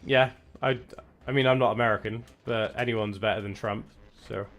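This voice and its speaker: Fairly low in pitch, with fairly even intonation and a fairly bright tone, this Welsh-accented man from Wales speaks at a normal speed. He chats easily through a game stream, reading out and answering what viewers type.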